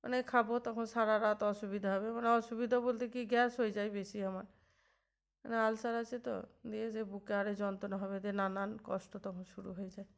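A woman's voice: mid-range voice, little pitch movement, fast. A woman in her thirties chatting in a homely, rambling way as she narrates a cooking vlog in her home kitchen. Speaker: housewife vlogger.

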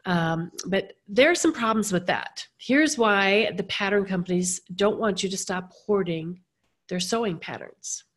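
A woman hosts a casual live podcast in a mid-pitched voice. She sounds gravelly and a little hoarse, as if under the weather. Her delivery is conversational and earnest, like talking straight to her listeners. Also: unhurried. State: hoarse from being sick. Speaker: podcast host. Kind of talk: casual live-streamed talk about sewing.

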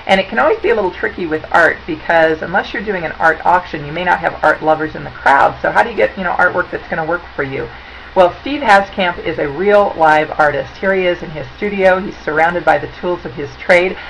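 Speaking briskly in a lowish, creaky, slightly bright voice, a woman in her forties shares auction advice over slides. She's at a desk indoors, chatting cheerfully into a webcam, and the low-quality recording carries slight background noise.

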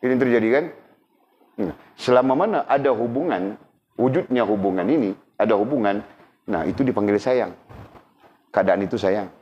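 A man's voice: fairly low pitch, normal speed, pauses often, a little hiss or hum. A man giving a casual religious lesson, talking conversationally and often checking that his listeners follow. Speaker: religious teacher. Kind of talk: casual teaching talk. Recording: dull lo-fi recording.

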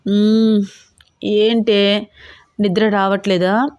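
A brisk young husband who runs a company, teasing and short with his words, as a woman puts him on. He speaks at an even middle pitch. The sound is dry and close, with no room around it. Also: clear, resonant tone, no echo, highs cut off, natural voice. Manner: curt, teasing replies.

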